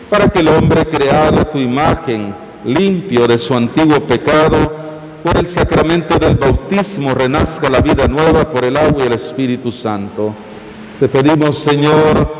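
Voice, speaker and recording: A man serving as priest, intoning baptism prayers in a solemn, measured way, his voice ringing with long cathedral-style church echo. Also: fairly high pitch. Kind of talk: slow liturgical prayer at a baptism. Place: large church. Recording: echoey church, loud background hiss.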